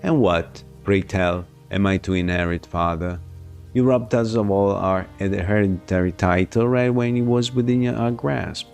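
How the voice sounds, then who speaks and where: A man's voice: low-pitched, steady tone, measured pace, vocal fry, a little mellow, smooth, faint music behind. A man voicing a bitter, proud young nobleman, the scornful eldest son, with a haughty, cutting delivery.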